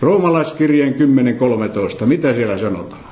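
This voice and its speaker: A man preaches to a gathering in a roomy, echoing hall, pressing his points with emphasis. He keeps turning questions back to the listeners as he teaches. His voice sits at an ordinary middle pitch. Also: animated, dark tone. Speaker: preacher leading a Bible study. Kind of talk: interactive sermon. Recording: roomy echo.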